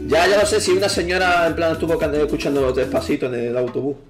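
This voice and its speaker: Casting note: teasing streamer from Spain, somewhat high voice, music loud underneath. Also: male voice, fairly even intonation, fast. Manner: teasing, mock-singing parodies. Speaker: gaming streamer. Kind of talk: casual gameplay chat.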